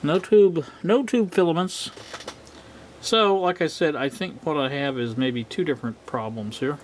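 A man talking casually through a radio repair at his workbench, relaxed and halting, with plenty of fillers. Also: on the high side, a little hiss or hum. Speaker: vintage electronics repair vlogger. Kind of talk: casual workshop narration.

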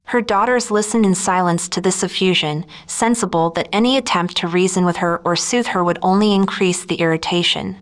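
Woman with a low-set narrating voice. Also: brisk, hardly any pauses. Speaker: audiobook narrator. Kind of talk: scripted narration.

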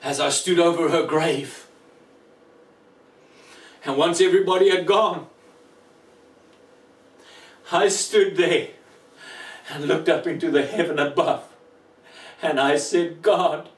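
A man preaching a personal testimony sermon, slow and emotional with dramatic pauses. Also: on the high side, reverberant, recorded from a distance.

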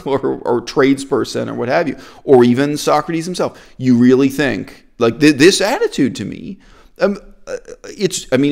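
A middle-aged man from Canada, hosting an opinionated discussion in an animated, emphatic and critical way. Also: medium pitch, vocal fry. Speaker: host.

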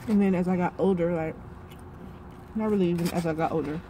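A young woman talks to her viewers while chewing food, her words rambling and full of fillers. Her voice is low and very dark, with faint noise behind her. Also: quick pace. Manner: rambling, filler-heavy, addresses viewers as y'all. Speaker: vlogger. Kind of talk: casual mukbang vlog chat.

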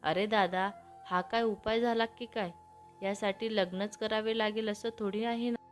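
A woman's voice: mid-range voice, steady tone, moderate pace, soft background music, lightly acted. A woman voicing a sleepy, cheeky young man bantering with his elder brother in a storybook reading.

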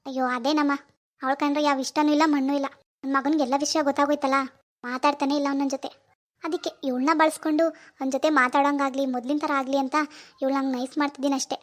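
A woman voicing a scheming, two-faced older mother-in-law in an animated family drama, sighing and wheedling, then sly and scornful. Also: high-pitched, fast, natural voice.

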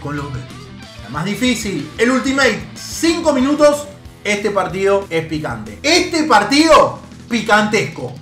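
A young man with an Argentine accent giving excitable gameplay commentary as a video game coach, cheering his players on with bursts of shouting. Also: high-pitched, unhurried. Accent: Argentine Spanish. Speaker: gaming YouTuber. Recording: roomy home setup with faint background music.

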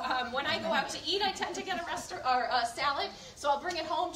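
Captured by a distant mic in a roomy indoor event space with faint background noise, a woman runs a live kitchenware cooking demonstration for a group. Her voice is high-pitched and fairly bright, and her manner is chatty and instructive, with frequent check-in questions.

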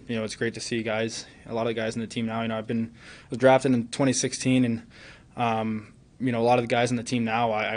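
A man in his twenties, a hockey player answering postgame press questions earnestly, with lots of "you know" fillers, at a table mic in an arena press room. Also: medium pitch. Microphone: table mic in front.

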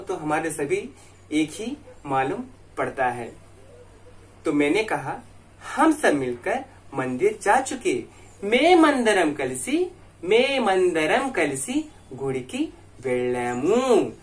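Slow, lilting language teacher, man. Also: a little high. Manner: repeats each phrase slowly several times for practice; addresses viewers as friends, patient explaining. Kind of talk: online language lesson.

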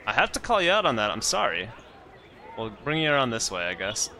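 A man's voice: medium pitch, big pitch swings, brisk, background noise. A man casually commenting on his own gameplay as the host of a let's play, chatty and self-mocking, talking to the characters on screen.

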